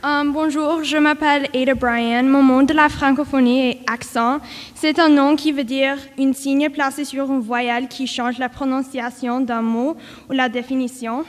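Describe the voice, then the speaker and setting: A woman's voice: high-pitched, fairly even intonation, unhurried. A woman, a student presenter, reading a prepared word presentation earnestly. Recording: long hall reverb.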